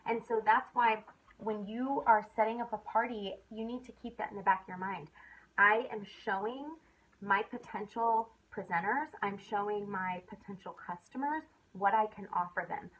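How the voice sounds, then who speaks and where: A woman's voice: mid-range voice, moderate pace. A young woman giving a casual sales training talk, chatty and full of fillers, sometimes acting out upbeat messages. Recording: dull lo-fi recording.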